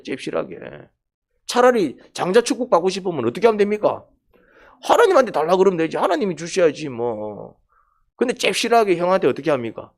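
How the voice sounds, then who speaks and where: A man's voice: on the high side, darkish tone. A middle-aged man, preaching a casual, conversational sermon and often asking the congregation questions. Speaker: pastor. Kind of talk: sermon at a Wednesday prayer meeting.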